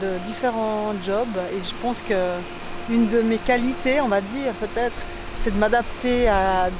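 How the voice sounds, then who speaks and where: A woman in her forties, a theatre teacher, talking thoughtfully in an interview and often pausing to search for words. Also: on the high side, steady tone, noisy background. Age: 40s. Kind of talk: reflective personal interview.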